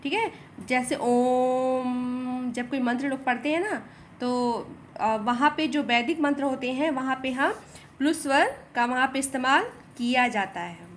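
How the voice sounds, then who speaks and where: A woman teacher explaining a lesson slowly and repetitively, asking the class rhetorical questions. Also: high-pitched, animated, slight background noise.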